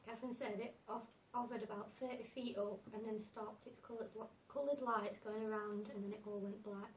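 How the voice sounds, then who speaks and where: A woman's voice: mid-range voice, fairly even intonation, brisk. A woman relaying viewer comments in a brief, matter-of-fact way during a casual livestream. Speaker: chat reader. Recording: distant, roomy, faint background noise.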